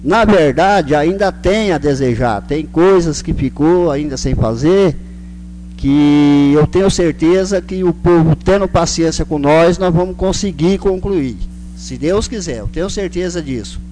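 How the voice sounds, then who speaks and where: A man with a rural Brazilian caipira country accent giving a folksy, halting, informal speech as a town councillor. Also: on the high side. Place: council chamber. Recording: noisy, humming public address recording.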